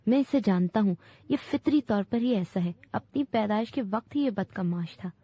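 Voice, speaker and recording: A woman's voice: mid-range voice, animated, mellow, no echo, natural voice. A woman voicing a grown male soldier who speaks with passion and dignity. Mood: earnest. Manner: passionate, proud. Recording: dull dry recording.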